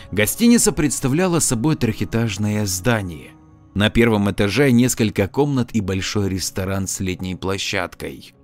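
A man reading an audiobook in measured, even scripted narration. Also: lowish voice.

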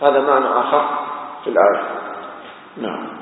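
A man's voice: medium pitch, brisk. A man teaching Quran commentary to students, asking them questions and repeating key words. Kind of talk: explaining verses to students. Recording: echoey hall, phone-like sound.

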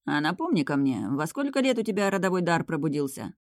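Lady narrator doing a calm duke, low and steady, dry sound. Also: fast, no room sound. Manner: calm, soothing.

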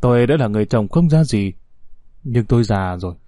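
A man's voice: fairly low pitch, expressive, a little fast, mellow, no room sound, clean studio sound, close to an everyday voice. Man reading a remorseful old husband. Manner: humble, pleading.

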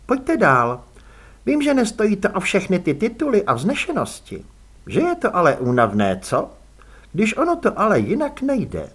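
A man's voice: high-pitched, huge pitch swings, fairly bright tone, husky, pitched above the performer's own voice, full character voice. A man voicing a genteel aristocratic vampire lady with a gracious, lightly teasing manner in an audiobook. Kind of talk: audiobook character voice.

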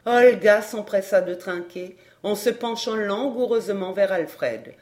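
A woman reading a classic crime novel aloud in a measured, even storytelling voice. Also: mid-range voice. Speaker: audiobook narrator. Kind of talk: scripted narration.

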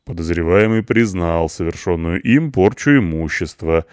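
A calm, wry police officer, voiced by a male reader with a low voice, dictating formal report phrases slowly. The delivery is lively in pitch but measured, in a dry, close storybook reading. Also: clear, resonant tone, dry recording.

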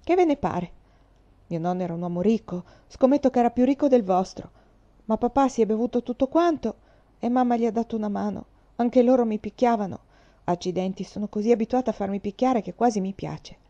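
A cocky orphan girl of about twelve, voiced high and bright above the reader's own tone by a woman reading a storybook aloud. She brags and curses with a defiant edge, and the audio comes across slightly dull and lo-fi. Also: brisk, natural voice. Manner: defiant, brash, cursing.

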